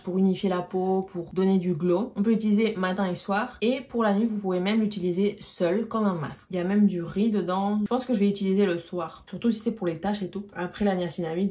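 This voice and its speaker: A woman's voice: mid-range voice, warm tone. A woman vlogger chatting casually to viewers as she shows and explains beauty products one by one. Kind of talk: casual product haul chat.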